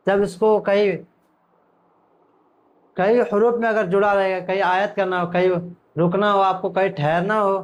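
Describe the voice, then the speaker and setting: Over poor audio, a man whose voice sits high works through Quran reading letter by letter. He raises questions, answers them himself, and drawls the names of the letters very slowly.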